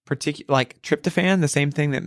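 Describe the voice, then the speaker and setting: A man's voice: fairly high pitch, brisk, no room sound. Guy chatting about scripture on a church podcast, lots of ums and likes, dry close sound. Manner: thinks aloud, many fillers. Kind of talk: casual Bible study discussion.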